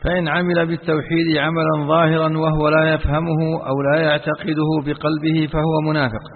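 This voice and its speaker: A man reading a classical religious text aloud in a steady, formal recitation. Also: fairly high pitch, a little fast. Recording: phone-like sound in a reverberant hall.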